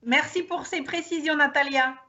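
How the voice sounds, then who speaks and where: A woman's voice: high-pitched, fairly even intonation, moderate pace, pushed and bright, muffled recording. A woman teacher guiding a partner through pronunciation examples, prompting her to speak. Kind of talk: classroom demonstration dialogue.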